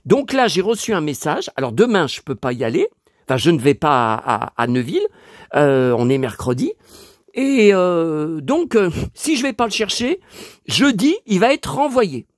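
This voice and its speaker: Very animated and a little high in pitch, a fifty-something collector vlogger chats on at a moderate pace, rambling to viewers with plenty of false starts and pauses. A lingering cold leaves him stuffy, and his mouth is dry. The audio is studio quality with no room sound.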